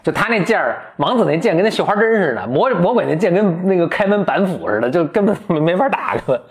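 A man co-hosting a podcast, casually retelling a story in an animated way, laughing often and acting out the characters. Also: high voice, fast. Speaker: podcast co-host.

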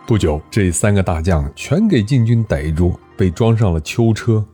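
A man's voice: fairly low pitch, expressive, normal speed, mellow, faint music behind. A man telling an ancient history story, narrating with animation and voicing every character.

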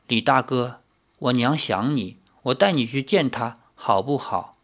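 A reader doing a storybook heroine, young and wistful, her lines low and hushed. The voice stays quiet and subdued. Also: a little slow. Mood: gentle. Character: young woman warrior, wistful, letting go.

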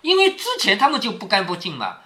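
A man's voice: high voice, huge pitch swings, fast, pushed and bright. A man reading a classic novel aloud to his daughter, stopping often to explain it in a chatty way with frequent tag questions.

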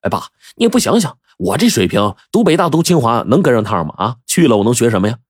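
A man voicing a carefree young male student who talks in a casual, unhurried way. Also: mid-range voice, very animated, slightly rough, no room sound, clean studio sound. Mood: nonchalant.

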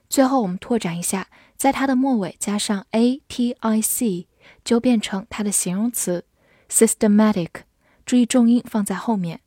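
A woman teaching English vocabulary, spelling each word out and reading example sentences slowly. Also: medium pitch, dark tone, dry recording, studio quality. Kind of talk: vocabulary lesson.

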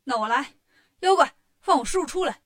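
A woman's voice: sits high, animated, brisk. Woman doing a brash monkey king. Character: brash clever male monkey king, impatient.

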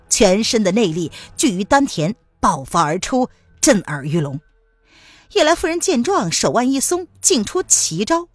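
A woman narrating a martial-arts novel in an expressive storytelling manner. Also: medium pitch, husky.

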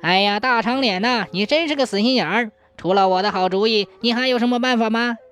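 A woman's voice: fairly high pitch, brisk, clean tone, soft background music, lightly acted. A woman voicing a cunning, hot-tempered male cat in a storybook, talking in a boastful, scolding way. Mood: annoyed.

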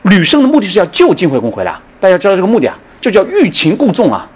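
A middle-aged man giving a public history lecture, telling the story in a lively way, acting out the people in it and asking the audience questions. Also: sits high, very fast, husky.

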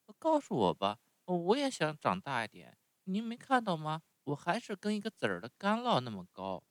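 A man voicing an eager, excitable wooden puppet boy in a high squeaky voice, often starting with a hesitant "uh". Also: moderate pace, no echo. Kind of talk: bedtime story reading.

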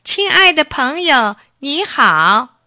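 A woman voicing a cheerful, impatient little boy in a children's storybook reading, exclaiming in a high voice. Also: big pitch swings, slow pace, pushed and bright, no room sound, studio quality, heavily acted. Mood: eager.

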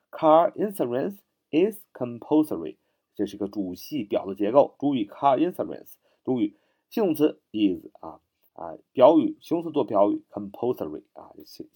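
A man's voice: medium pitch, mellow, breathy edge. A man teaching English vocabulary in a spoken lesson, spelling words out letter by letter and repeating them patiently. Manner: patient, repetitive, ends phrases with drawn-out particles.

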